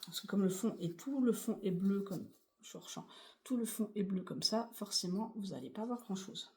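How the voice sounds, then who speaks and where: A woman's voice: mid-range voice, expressive, moderate pace. Chatty woman rambling about her stitching. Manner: rambling, chatty, filler-heavy. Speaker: cross-stitch vlogger. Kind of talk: casual chatty craft vlog.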